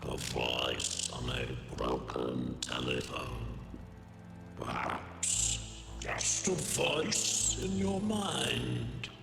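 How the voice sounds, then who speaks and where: A man playing a cryptic, knowing male mentor in a game, measured and sardonic. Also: extremely low pitch, sing-song, vocal fry, heavily acted. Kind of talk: scripted game dialogue. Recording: roomy, long reverb, music behind.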